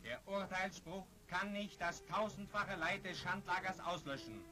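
A man delivers old newsreel narration in a high-pitched voice, formal and declamatory. The soundtrack is vintage 1940s film audio, with loud music running behind him. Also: unhurried.

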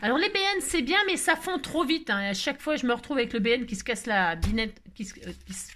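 A woman's voice: on the high side, animated, quick pace, bright, forceful tone, a little hiss or hum. A woman, hosting a scrapbooking vlog, talking in a playful, rambling way, full of fillers and teasing asides. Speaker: scrapbooking channel host. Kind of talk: chatty mail-opening vlog.

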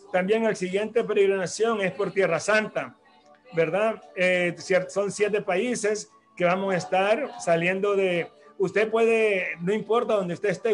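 Church program host, male, high voice, halting and repetitive delivery, soft music bed. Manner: rambling, hesitant, with many restarts and tag questions. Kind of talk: announcements and church talk.

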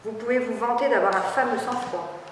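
A woman's voice: a little high, a little fast, close to an everyday voice. A woman reading a jealous, terse husband. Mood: tense. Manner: terse, pointed questions. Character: jealous, tense nobleman husband, middle-aged. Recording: echoey hall, far from the mic, faint hiss.

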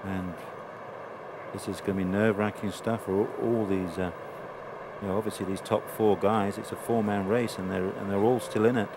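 A man's voice: fairly low pitch, level tone, normal speed. A man giving conversational live golf commentary as an analyst. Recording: noisy outdoor background.

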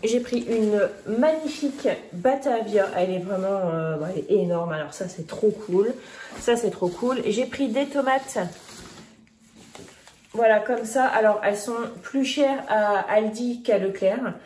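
A woman's voice: medium pitch, a little slow, a little mellow. A woman in her thirties, a vlogger chatting casually about her groceries with many fillers and restarts. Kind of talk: casual grocery haul chat. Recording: echoey room, faint noise.

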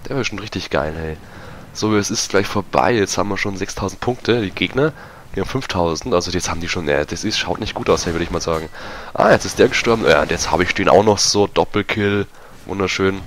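A man giving casual, self-mocking commentary over a multiplayer match, his voice going hoarse. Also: sits low, a little fast, fairly bright tone, slight background noise. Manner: chatty, self-mocking, many fillers. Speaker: gaming YouTuber. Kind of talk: casual let's-play commentary.

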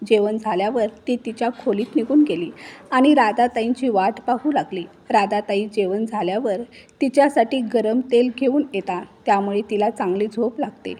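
Husky woman storyteller. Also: a little high, moderate pace, dark tone. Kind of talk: scripted story narration.

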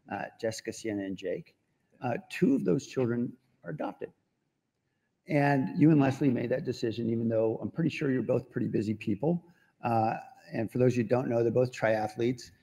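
A middle-aged man leads an onstage interview at an indoor event. He speaks at an everyday mid pitch, chatty and openly admiring of his guest, dropping in small fillers. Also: warm tone, low-quality recording. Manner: admiring, conversational, light filler words. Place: large event stage, indoors.

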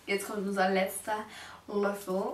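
A woman's voice: medium pitch, flat delivery, measured pace. A woman in her twenties chatting casually and expressively, complaining with disgust during a food challenge vlog. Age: 20s. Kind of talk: casual chat. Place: living room on a couch. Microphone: camera a step or two away. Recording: roomy, distant mic, loud noise, clatter.

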